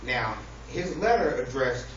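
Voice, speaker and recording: A man with a mid-range voice speaks in an animated but unhurried way, delivering a casual, funny talk to an audience in a mock-earnest, preacher-like style. He is a public speaker in an echoey indoor room with listeners present. The recording is distant, very echoey, noisy and muffled.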